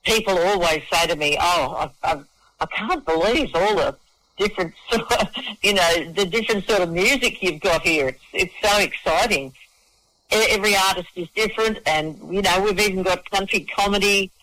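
The guest on this relaxed radio chat is a middle-aged or older Australian man who organises festivals and writes and sings songs. Speaking effusively and in a matey way at a moderate pace, he often repeats words as phrases begin, his voice high, pushed and bright. There's no room sound, and the recording quality is low.

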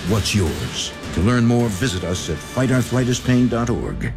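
A man's voice: medium pitch, big pitch swings, unhurried, music in the background. A man narrating a scripted public service spot with resolute, emphatic phrasing.

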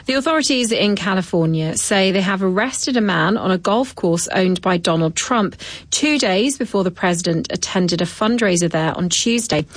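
A woman newsreader reading a scripted bulletin in a crisp, even manner. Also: medium pitch, moderate pace, dry recording.

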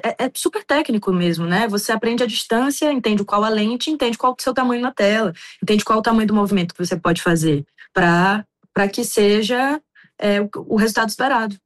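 Woman from bahia answering interview stuff, thoughtful, restarts a lot, mid pitch. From Brazil, Bahia. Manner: reflective, with frequent restarts. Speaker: actress, interview guest.

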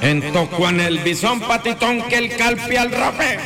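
A man's voice: very high voice, a little slow. A man telling comic radio stories in scrambled-syllable nonsense words. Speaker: radio comedy storyteller. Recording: music playing behind the voice. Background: music.

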